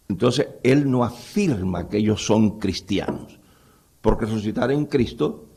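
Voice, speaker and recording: A man's voice: lowish voice, creaky, warm tone, slightly rough. A man lecturing on the Bible to a live audience in a conversational way, often putting rhetorical questions to his listeners.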